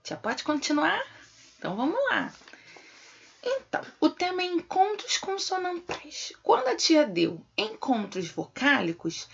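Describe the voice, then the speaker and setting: Brazilian woman, primary teacher, slow gravelly delivery with a lively melody and dull home-recorded sound. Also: sits high. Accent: Brazilian Portuguese. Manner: addresses pupils warmly as "tia" with diminutives. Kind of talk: remote lesson for young children.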